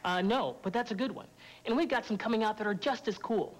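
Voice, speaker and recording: An actor playing a breezy, chummy game designer in a scripted infomercial comedy, casual, slangy and eager. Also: male voice, high-pitched, fairly quick, close to an everyday voice, rough recording.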